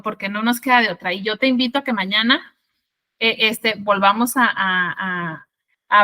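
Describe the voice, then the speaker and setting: Female spiritual teacher with a high, bright voice who explains by asking questions and answering them herself. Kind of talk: spiritual lesson.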